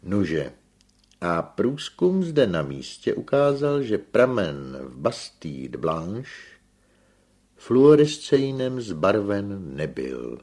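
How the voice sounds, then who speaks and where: A man's voice: lowish voice, big pitch swings, darkish tone, voice pushed up. A man putting on a pompous young engineer lecturing. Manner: slow, emphatic lecturing with rolled R.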